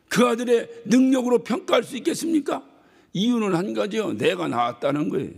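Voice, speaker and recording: A male pastor preaching a sermon, telling stories about his congregation with lively acted-out quotes and bursts of shouting. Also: high-pitched, vocal fry, husky. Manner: animated storytelling, mimics congregants and shouts. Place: church hall. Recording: reverberant church hall.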